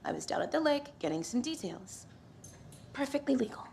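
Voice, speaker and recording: A woman's voice: high-pitched, lively intonation, moderate pace, gravelly, darkish tone, a little hiss or hum. An actress playing a sardonic female true crime writer in a video game, speaking with dry wit. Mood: wry.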